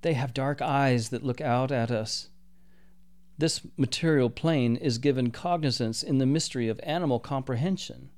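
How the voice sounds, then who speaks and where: A man's voice: medium pitch, normal speed, a little mellow, lightly acted. A man voicing an awestruck, reverent archangel who speaks in archaic, overwhelmed wonder.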